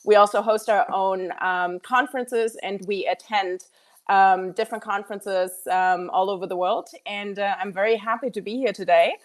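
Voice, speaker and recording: A woman's voice: mid-range voice, fairly even intonation, normal speed. Friendly woman faculty advisor in her thirties. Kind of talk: online panel introduction.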